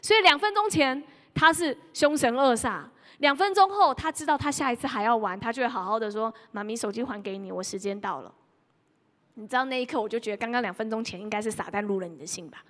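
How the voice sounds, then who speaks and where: Lively woman preacher in a reverberant hall. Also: on the high side, fast, few pauses. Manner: lively storytelling, mimics her child and addresses the congregation directly. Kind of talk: sermon.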